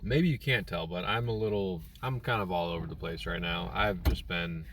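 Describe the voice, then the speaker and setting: A man's voice: deep voice, normal speed, fairly bright tone, far from the mic, slight background noise. A young man chatting casually on a live stream from a parked car, rambling with many fillers and restarts. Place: in a parked car in a store parking lot. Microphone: phone.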